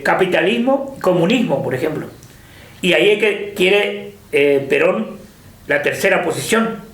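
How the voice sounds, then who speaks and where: A man's voice: high-pitched, reverberant. An older man with an Argentine Spanish accent, recalling the past in a hesitant interview, full of fillers and restarts. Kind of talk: casual reminiscing interview.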